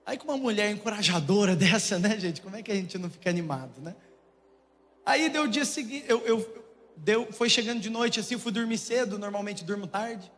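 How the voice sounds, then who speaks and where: A young man with a Brazilian Portuguese accent, preaching a humorous sermon and telling jokey, animated stories to a congregation in a church. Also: high-pitched, brisk. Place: church auditorium. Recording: long church hall reverb, faint noise.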